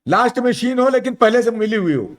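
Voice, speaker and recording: A male Arabic teacher leading a classroom lesson, spelling out letters slowly and keeping students engaged with frequent check-in questions. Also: very high-pitched, animated. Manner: quizzes students, keeps asking "isn't it?". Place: classroom at an Islamic school.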